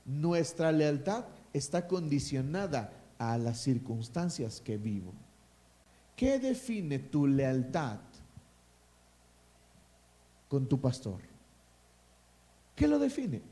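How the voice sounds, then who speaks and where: A man with a Mexican accent delivers a sermon as pastor, his voice sitting high for a man. He preaches emphatically, drops into quiet asides and then rises to loud declarations, and he calls for responses from the congregation. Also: big pitch swings, slow pace, pauses often.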